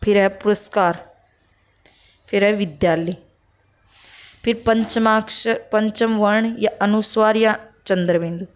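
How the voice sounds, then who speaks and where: A woman teaching spelling for an exam, slowly reading out word lists and checking with short asides. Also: mid-range voice, fairly even intonation. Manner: slow, listing words one by one with "ठीक है" checks.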